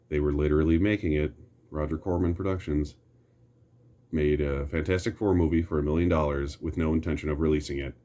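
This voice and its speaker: With a warm, rumbling low voice, a middle-aged American man looks back on superhero films as a host. He wanders through casual, opinionated complaints in a back-in-my-day style, occasionally swearing mildly.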